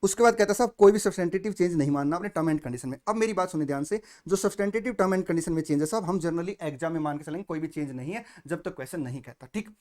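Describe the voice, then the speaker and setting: A man from India giving a fast accounting exam lecture, mixing Hindi and English with an Indian English accent and often checking in with listeners. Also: fairly high pitch, darkish tone. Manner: rapid Hindi-English mix, habitually says "saahab", checks in with "theek". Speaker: CA exam tutor.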